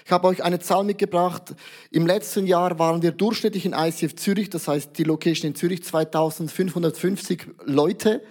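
A man delivers a sermon as pastor. He preaches in a lively way, building his points from homely examples and sprinkling English words into his speech. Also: high voice, brisk.

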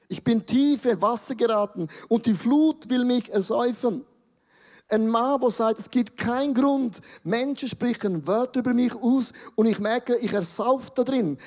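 High-voiced Swiss German preacher man. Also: a little mellow. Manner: emphatic, addresses the congregation directly. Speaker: pastor. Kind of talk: sermon.

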